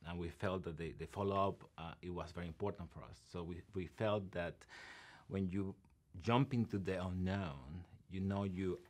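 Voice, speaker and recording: A man's voice: deep voice, steady tone, moderate pace, a little mellow. A man, a professor talking earnestly in an interview, often repeating words as he restarts. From Venezuela. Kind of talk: conversational interview.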